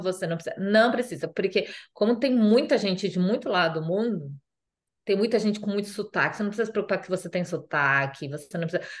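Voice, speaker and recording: A Brazilian woman with a Brazilian Portuguese accent and a fairly low voice chats casually as an interview guest. Her talk is full of fillers and repeated phrases.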